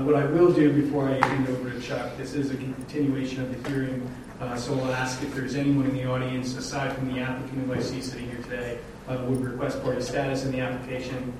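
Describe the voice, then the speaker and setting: A man chairs a township public hearing, working through the procedure haltingly with many fillers. He sounds distant from the microphone. The room is very echoey, with clear background noise. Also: mid-range voice.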